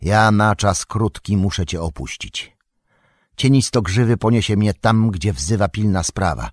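A man reading aloud, voicing an old wizard who gives urgent, authoritative instructions in a husky voice. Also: lowish voice, lively intonation, a little slow, no room sound, clean studio sound.

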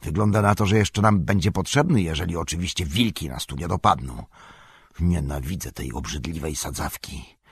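A man's voice: deep voice, moderate pace, husky, dry recording, exaggerated voice. A man voicing a blunt young male warrior in an audiobook, in a grumbling manner.

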